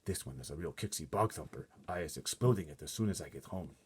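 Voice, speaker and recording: A man voicing a huge, excitable giant in a storybook, kindly but easily agitated, with muddled folksy grammar and theatrical exclamations. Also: a bass voice, fast talker, breathy edge, heavily acted. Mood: fierce, exasperated.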